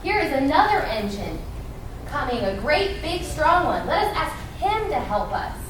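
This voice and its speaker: A cheery little storybook clown, acted out by a woman reader, calls out with bright hope in a raised, high voice. The sound is distant and very roomy. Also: very animated, moderate pace, background noise. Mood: eager, hopeful. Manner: eager, calling out brightly. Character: cheery, hopeful little male toy clown.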